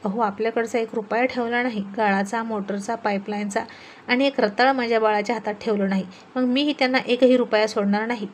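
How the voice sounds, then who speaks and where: A woman voicing a sharp-tongued young wife who scolds her husband about money in a read-aloud story. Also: a little high, fairly even intonation, a little fast, slight background noise, natural voice. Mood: scolding. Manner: scolding, nagging.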